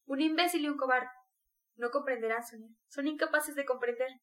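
A woman's voice: high voice, fairly even intonation, brisk, fairly bright tone. A woman reading the part of a brooding, tormented young male student in an intense, bitter confession. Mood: scornful.

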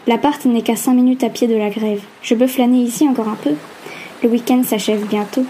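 A woman narrating a first-person novel aloud in an even, steady reading. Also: a little high, brisk, slight background noise. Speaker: audiobook narrator.

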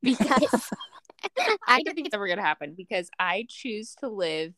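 A woman's voice: medium pitch, big pitch swings, pushed and bright, no room sound. A young woman co-hosting a casual podcast, chatty and giggly. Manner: giggly, chatty, quick to exclaim. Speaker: podcast co-host, the skeptic.

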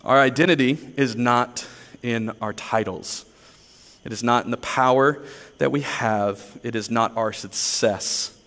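A man's voice: mid-range voice, a little slow, a bit bright, in a large hall. A man preaching a sermon, telling personal stories in a conversational, earnest, self-deprecating way. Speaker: pastor.

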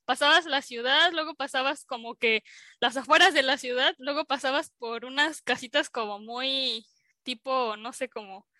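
A young woman, a scientist with a Mexican accent, tells a chatty story as an interview guest, using many fillers and playing out the dialogue she repeats. Her voice sits high, pushed and bright, at normal speed, with no room sound.

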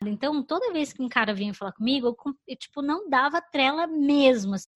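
A young woman from Brazil tells a personal story in relaxed chat. Her voice sits high, and she slips into lively quoted voices. The recording is dry and close, with no room sound. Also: fast talker, no room sound, muffled recording. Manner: animated, acts out quoted lines.

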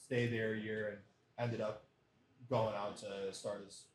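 A man's voice: fairly low pitch, flat delivery, unhurried, low-quality recording. A man in his twenties with an American accent, chatting casually about sports.

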